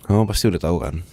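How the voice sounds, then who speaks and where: In an ASMR roleplay, a man with an Indonesian accent voices a weary, heartbroken boss confiding from his sickbed. His low, mellow voice comes out breathy, hesitant and murmuring, halting often and sighing, over slight background noise.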